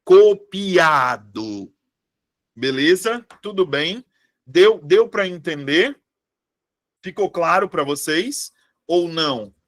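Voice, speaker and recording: Man, teacher, live online class, chatty, keeps asking if students follow, slightly high voice. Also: animated, slow, a bit bright. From Brazil. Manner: chatty, asks students constant checking questions. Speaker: Portuguese teacher for civil service exam prep.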